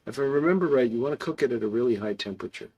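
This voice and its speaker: Racing along in a warm, animated mid-range voice that is gravelly and creaky, a man hosts an online pipe club hangout and casually responds to viewers' comments. The audio has its highs cut off.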